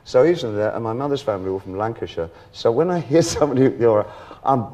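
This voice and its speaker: Middle-aged man, lively anecdotal talk show guest. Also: medium pitch, quick pace, highs cut off. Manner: animated storyteller who acts out other people's voices and laughs often. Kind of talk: casual anecdotal interview chat.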